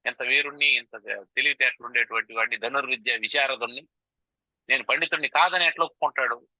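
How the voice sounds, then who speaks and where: A man giving a spiritual lecture on scripture, explaining with rhetorical questions and chanting verses slowly. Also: mid-range voice, pushed and bright, no echo, muffled recording. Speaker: spiritual teacher.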